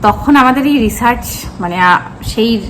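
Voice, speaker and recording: A woman's voice: on the high side, lively intonation, normal speed, fairly bright tone, slight background noise. A woman in her thirties, a mother, chatting through her day at home in a casual vlog, thinking aloud with many fillers. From eastern India. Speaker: vlogger and mother. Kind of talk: casual daily vlog narration. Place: home, partly in a kitchen.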